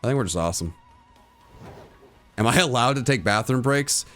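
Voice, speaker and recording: A young man chats casually with livestream viewers, rambling with lots of fillers and restarts and laughing often, in a distinct voice people call good for radio. His mid-range voice is expressive and a bit bright at normal speed, with faint music behind.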